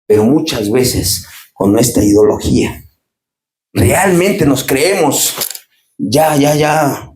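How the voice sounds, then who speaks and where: A male pastor delivers an impassioned sermon in an echoey church room. His voice sits at a middle pitch, climbing high and urgent, then dropping into low, hushed asides. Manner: impassioned preaching, swinging between raised pitch and low, quiet asides.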